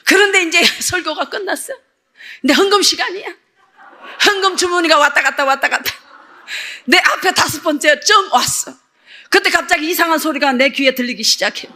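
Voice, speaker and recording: Animated older woman preaching testimony. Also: very high voice, a little fast. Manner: animated storytelling, acts out dialogue. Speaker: missionary. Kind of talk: sermon testimony.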